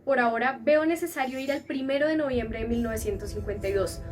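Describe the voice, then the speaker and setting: A woman reading a scripted school presentation in an even, informative tone. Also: sits high, fast, soft background music.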